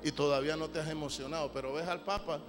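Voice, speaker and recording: A man preaching a sermon, theatrical, swinging from shouts to mocking asides. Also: on the high side, steady tone, quick pace. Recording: long hall reverb with loud music. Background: music.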